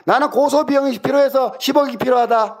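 A middle-aged man with a very high voice talks briskly as he argues heatedly on the phone with his younger brother. As the older brother, he throws insults and taunting questions at him.

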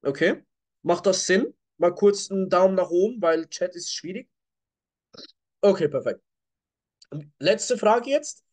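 Brief: male sales coach, high voice, blunt and direct, live Q&A over a call mic. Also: expressive, unhurried, pauses often, a little mellow. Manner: blunt, reads questions from chat, repeats catchphrases.

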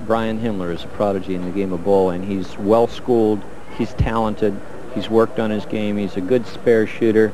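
A man's voice: on the low side, level tone, normal speed, background noise. A man giving color commentary on a televised bowling match, breaking down each shot in a coaching way. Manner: analytical, coaching-style breakdown of shots.

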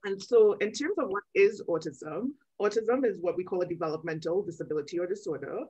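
Measured woman doctor explaining on a call. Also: on the low side, dark tone, slightly rough, rough recording. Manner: measured, explanatory, with frequent ums. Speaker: developmental pediatrician guest. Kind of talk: expert explanation in interview.

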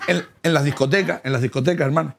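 A man's voice: a little high, steady tone, fast, creaky, a little hiss or hum. A man telling boastful, mock-humble comic stories in a casual chat, laughing often. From Canary Islands. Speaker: comedian guest. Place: car.

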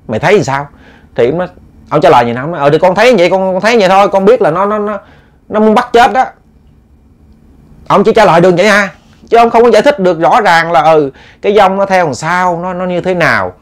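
A man with a Southern Vietnamese accent tells a ghost story in a relaxed, conversational way. He speaks straight to his listeners and acts out the lines he quotes. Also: on the high side. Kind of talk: casual storytelling.

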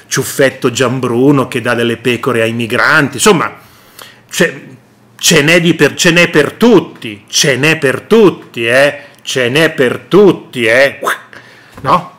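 A man's voice: medium pitch, pushed and bright. A man commenting on politics in a vlog monologue, indignant and sarcastic, repeating his jabs.

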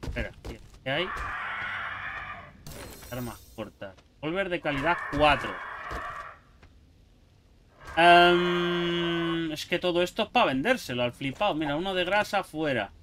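A young man giving jokey, excitable commentary while playing a survival game, yelping at sudden scares. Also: on the high side, a little slow, pauses often, noisy background. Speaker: gaming YouTuber. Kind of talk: gameplay commentary.

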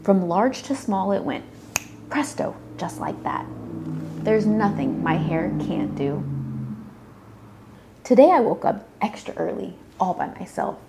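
Woman, storybook read-aloud for little kids, slow and lively, light room hiss. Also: mid-range voice, creaky. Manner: slow, animated reading with playful voiced sounds. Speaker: children's storybook reader.

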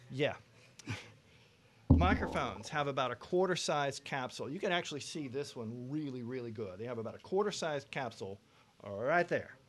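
A man teaching a vocal production workshop to a live class, animated, asking the room questions and acting out singers. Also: on the high side. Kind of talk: lively workshop lecture. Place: classroom before a live audience.

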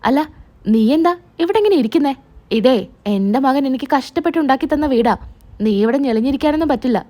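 A woman's voice: high voice, expressive, brisk, dark tone. A woman doing a stingy, scolding old mother. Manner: scolding, grumbling.

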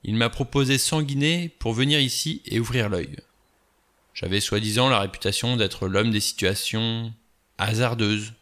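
A cool, sardonic adventurer, voiced by a man reading aloud, with a wry, offhand way of talking. His voice is bright and crisp, set slightly low. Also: normal speed, close to an everyday voice.

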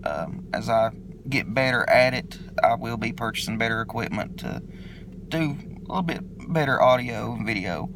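A middle-aged man from eastern Kentucky with a local accent, talking in a laid-back, halting way as he introduces his vlog in a video recorded on his phone. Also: medium pitch, lively intonation, background noise. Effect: self-recorded phone video. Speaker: motovlogger introducing his channel. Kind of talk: casual unscripted vlog intro.

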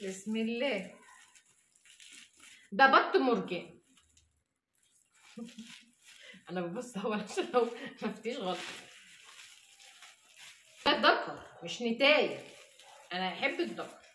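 Excitable Egyptian woman coaxing pet ducks. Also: a little high, measured pace, long pauses, slight background noise. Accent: Egyptian Arabic. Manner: excitable, exclamatory, coaxing animals. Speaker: vlogger. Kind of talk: casual home vlog, talking to pet ducks. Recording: roomy echoey home recording.

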